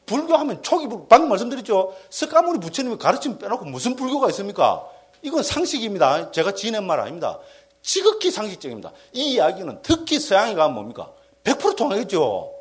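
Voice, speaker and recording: A middle-aged man, a Buddhist monk, giving a dharma lecture and constantly checking the audience's agreement. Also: sits high. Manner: animated, keeps asking the audience for assent.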